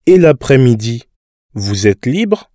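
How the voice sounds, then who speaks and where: Actor as a friendly man in a park, slow, warm and mellow voice, dry studio sound. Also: mid-range voice, very animated, dry recording. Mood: polite. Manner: slow, polite questioning. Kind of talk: scripted language-lesson dialogue.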